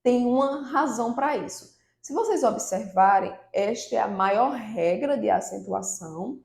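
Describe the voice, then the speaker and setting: Gravelly woman teaching in an echoey room. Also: on the high side, lively intonation, moderate pace, darkish tone. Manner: didactic, poses questions then answers them, checks in with listeners often. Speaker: Portuguese grammar teacher. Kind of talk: online grammar lesson.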